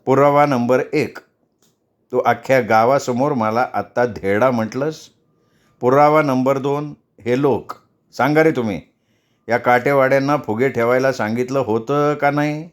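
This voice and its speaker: A man's voice: medium pitch, measured pace, natural voice. A man doing a sarcastic, taunting police inspector. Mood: mocking. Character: brash, mocking male police inspector.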